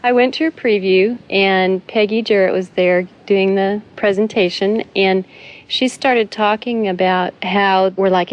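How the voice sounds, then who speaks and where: Woman from Texas, flat steady delivery. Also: medium pitch, low-quality recording. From Texas, USA. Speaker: course graduate. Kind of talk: testimonial interview.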